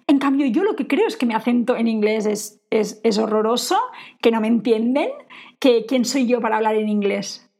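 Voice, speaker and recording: A woman's voice: fairly high pitch, moderate pace, mellow. A woman hosting a podcast as a coach for women entrepreneurs, talking in an earnest, encouraging way and repeating phrases for emphasis. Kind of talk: motivational podcast monologue.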